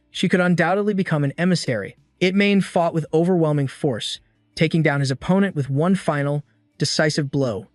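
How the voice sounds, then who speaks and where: A man narrates a story recap in a steady, dramatic way, his voice sitting a bit high for a man. The sound is dry and close to the mic, with faint music playing under him. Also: no echo.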